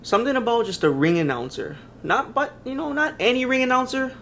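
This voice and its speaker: A man's voice: extremely high pitch, a little fast, a bit bright, slight background noise. A man playing an overexcited wrestling superfan in a mockumentary, gushing in a fanboy way. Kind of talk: mockumentary acting.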